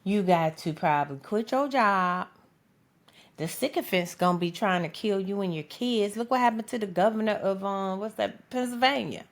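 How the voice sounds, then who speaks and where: A woman's voice: medium pitch, normal speed. A woman giving an impassioned opinion monologue as a political commentator, emphatic and profane, punctuating points with a pointed "okay?".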